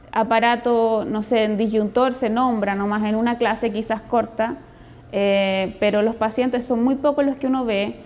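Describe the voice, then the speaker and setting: A woman's voice: on the high side, a little mellow. A woman dentist from Chile with a Chilean accent, speaking in a testimonial interview in an earnest, explanatory, conversational way.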